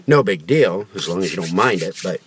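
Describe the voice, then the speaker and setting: A man's voice: deep voice, expressive, brisk, a little hiss or hum. A man giving a casual product review to camera in a folksy, rambling, colloquial way.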